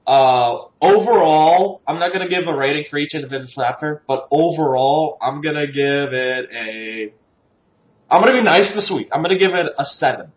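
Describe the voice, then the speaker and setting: A man hosting a casual fan podcast, his voice sitting a bit high for a man. He runs through the week's chapters with crude sarcasm and plenty of swearing. The recording is muffled and lo-fi, with an echoey room around him. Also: normal speed. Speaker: podcast host.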